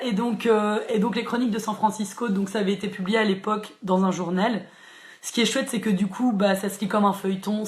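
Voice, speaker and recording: A woman who hosts a live book chat and talks casually with many fillers and restarts. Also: medium pitch. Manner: chatty, frequent fillers and restarts, laughs easily. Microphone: phone or laptop live stream. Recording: echoey room.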